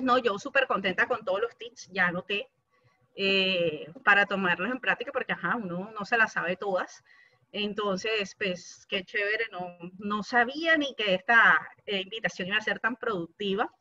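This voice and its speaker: A talkative woman tells her personal story on a video call, bright and forward in tone. The sound is dry and a little dull. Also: mid-range voice, no echo. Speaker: participant giving a testimony. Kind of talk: casual video-call testimony.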